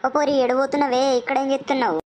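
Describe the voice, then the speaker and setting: A woman's voice: high-pitched, flat delivery, very fast, darkish tone, a little hiss or hum, pitched above the performer's own voice, natural voice, low-quality recording. A woman voicing a gossiping middle-aged village mother-in-law, who scolds and nags. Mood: nagging. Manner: scolding, suspicious nagging.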